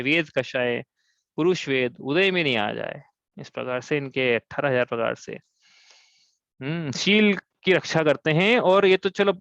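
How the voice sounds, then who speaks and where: Male religious teacher, fairly high voice, walks through scripture with self-posed questions; dry, slightly muffled recording. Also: fairly bright tone, no echo. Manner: explains step by step, asks and answers own questions; chants verses slowly. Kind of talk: scripture class explanation.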